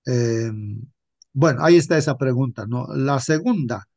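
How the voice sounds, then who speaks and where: Man, Bible study leader, gravelly voice, informal preaching full of rhetorical tags, dry close sound. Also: mid-range voice, a little slow, a little mellow, dry recording. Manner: rhetorical, repeats 'hermanos' and '¿no?'.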